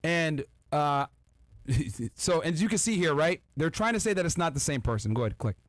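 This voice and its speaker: A man's voice: a little high, lively intonation, normal speed, no room sound. A man hosting a podcast, commenting on video clips and speaking emphatically and directly to his viewers. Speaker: podcast host.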